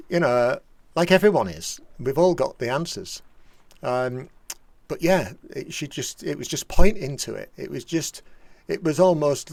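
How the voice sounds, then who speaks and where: A man hosting an online therapy group over a video call, talking in a soft, rambling, reflective way. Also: fairly high pitch, creaky, no echo. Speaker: therapist and session host. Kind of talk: casual online group discussion.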